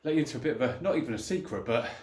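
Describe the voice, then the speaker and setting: A man's voice: mid-range voice, expressive, racing, a little mellow. A man talking casually and colloquially to viewers between sets of lifting weights, as a fitness vlogger. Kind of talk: casual training vlog talk between sets. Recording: echoey room.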